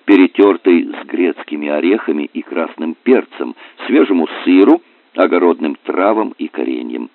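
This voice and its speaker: A man narrating an adventure novel in a measured, even storytelling manner. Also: low voice, no room sound. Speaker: audiobook narrator. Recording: dry, narrow phone-like sound.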